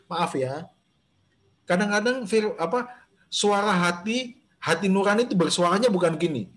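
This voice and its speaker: Pastor teaching over video call. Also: male voice, sits high, expressive, moderate pace, a bit bright. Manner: conversational, addresses listeners directly, many fillers and restarts. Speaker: pastor leading a Bible study. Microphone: video call microphone.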